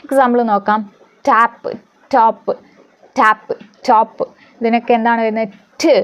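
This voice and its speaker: A woman teaching English letter sounds, asking questions and answering them herself, repeating example words slowly. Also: a little high, steady tone, smooth. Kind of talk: phonics lesson.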